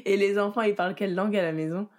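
A woman hosting a casual interview, asking soft, friendly questions. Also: mid-range voice, fairly even intonation, very fast. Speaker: podcast host, interviewer. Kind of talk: casual chat.

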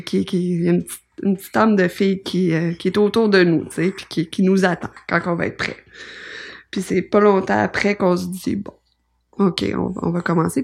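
Québécois woman, 30s, podcast guest; gravelly, husky, rambling and candid. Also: medium pitch. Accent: Québécois French. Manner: rambling, many fillers and restarts. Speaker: guest sharing her birth story. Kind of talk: casual conversation. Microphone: podcast microphone.

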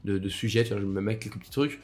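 A young man with a cold-roughened voice hosting a casual solo podcast, rambling with many fillers and restarts. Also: on the low side, very fast, a little mellow. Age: young adult. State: hoarse from a cold. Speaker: podcast host.

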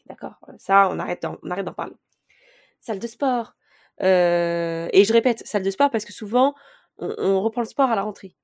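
A woman's voice: medium pitch, creaky, darkish tone. Chatty woman hosting a money podcast. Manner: informal and rambling, many filler hesitations and mild swearing; addresses listeners directly. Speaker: podcast host. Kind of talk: casual chatty personal-finance podcast.

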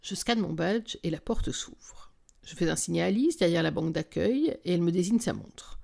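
Gravelly, low-voiced woman narrating a novel. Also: expressive, moderate pace, mellow. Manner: intimate, wry storytelling, sometimes dropping to a whisper. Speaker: audiobook narrator. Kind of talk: scripted first-person narration of a romance novel.

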